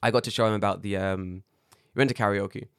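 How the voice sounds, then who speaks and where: Speaking quickly in a lowish voice left slightly raspy by karaoke, this man co-hosts a casual podcast. He tells stories with animated, acted-out quotes and plenty of cursing, and the studio-quality recording is dry.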